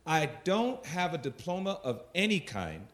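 A man's voice: fairly high pitch, normal speed. New guy telling ministry stories, voice jumps all over, acts out his old lines. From New York, USA. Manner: animated storyteller, acts out his own past words. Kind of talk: testimony in a ministry talk.

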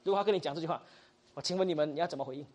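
Speaking very fast in a mid-range, slightly mellow voice, a teacher leads a Bible study lesson, often quizzing the class, blending in English words, adding little particles to sentences, and acting out example dialogues.

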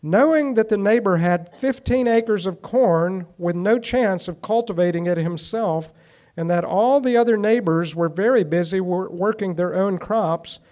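Man, high-pitched voice, measured deliberate reading, historical accounts with commentary. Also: a little mellow. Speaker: speaker reading a history aloud.

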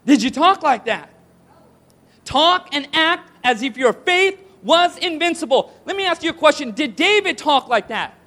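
High-pitched man preaching a sermon. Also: expressive, moderate pace, hardly any pauses, pushed and bright. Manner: call-and-response with audience, rhetorical questions. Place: church hall with audience.

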